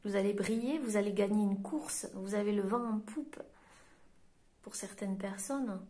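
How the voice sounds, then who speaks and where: French woman, medium, card-reading guidance, halting delivery, searching for words, middle pitch. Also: dark tone. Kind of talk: tarot-style guidance reading to camera.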